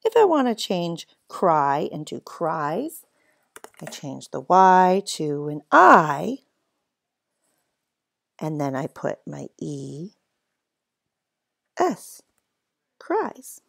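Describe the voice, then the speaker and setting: Woman teacher sounding out phonics slowly. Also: deep voice, sing-song, vocal fry. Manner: slow, exaggerated sounding-out of letters and words; cheerful, encouraging teacher talk. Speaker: first-grade teacher. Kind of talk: phonics lesson for young children.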